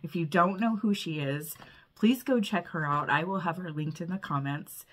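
A woman's voice: lowish voice, normal speed. Bubbly, gushing woman vlogger. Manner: bubbly and gushing, often breathless with delight. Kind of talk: casual unboxing vlog.

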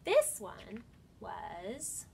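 Extremely slow and gravelly, with a darkish tone, this woman in her thirties reads and sings to young children, her mid-range voice making huge pitch swings. She's an encouraging storytime host, filmed on a camera mic in an indoor room by large windows, with slight background noise.

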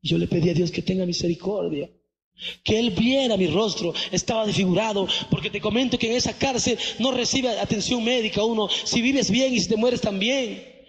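A man's voice: sits high, brisk. A man giving an impassioned evangelist's testimony, calling the listener brother. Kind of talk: emotional testimony. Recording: echoey hall.

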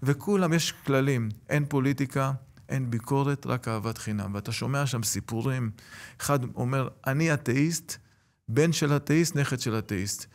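A middle-aged man with a gravelly, fry-edged voice tells stories in an interview. He is a rabbi and lecturer, and his delivery is animated as he acts out the voices of the people he quotes. His pitch sits in an ordinary middle range. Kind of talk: storytelling in an interview.

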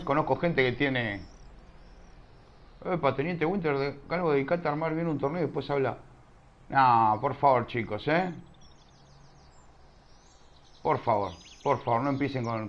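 A man's voice: medium pitch, muffled recording. A man with a Rioplatense Spanish accent casting a live online shooter tournament, chatty and teasing, scolding his chat with playful slang. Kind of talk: live game commentary.

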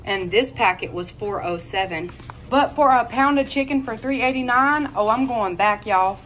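This home cooking vlogger, a woman, gives informal, folksy cook-along narration from her home kitchen indoors. Her voice is a little high and a bit bright at a moderate pace, and frying sizzle and kitchen noise are clearly recorded.

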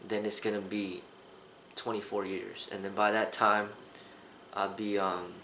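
A man's voice: on the low side, little pitch movement, measured pace, sharp tone, reverberant, a little hiss or hum, poor audio. A man in his thirties, a kung fu instructor, talking earnestly to the camera in a casual vlog, rambling with restarts. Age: 30s. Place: small indoor room with a sofa.

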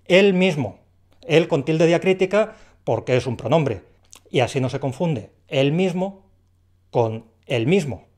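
A man's voice: a little high, expressive, measured pace, darkish tone. Patient man explaining spelling. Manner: clear, patient explaining with rhetorical questions. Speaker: language teacher. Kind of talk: explaining a dictation lesson.

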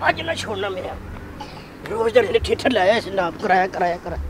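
Man as a hot-headed Pothwari landlord chasing rent, high voice, echoey room. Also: expressive, brisk, crowd noise. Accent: Pothwari Punjabi. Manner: blustering, demanding, jokey. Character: short-tempered male landlord chasing rent. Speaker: comic actor playing the landlord Mithu. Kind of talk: improvised comedy sketch acting. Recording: echoey room, light noise.

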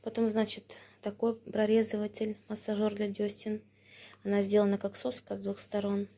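In this casual unboxing vlog, a young mom talks through her purchases at home in a completely flat, creaky, medium-pitched voice at a moderate pace. The background is noisy. The audio comes from a handheld phone held behind the camera in a room with tiled and wooden floors.

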